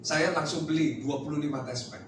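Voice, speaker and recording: A man in his thirties, a pastor giving a lively testimony sermon and talking straight to the congregation with jokes. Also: fairly high pitch, a little fast. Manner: lively storytelling, addresses the listeners directly, jokes. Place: large church hall. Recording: very echoey hall, mic far off, music behind.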